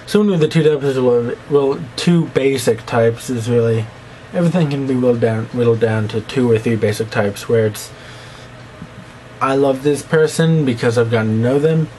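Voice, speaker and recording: A young man with a slight lisp rambles to the camera in a self-mocking vlog, now and then slipping into squeaky put-on voices. He speaks at a normal pace with a warm tone, and the rough recording carries slight background noise.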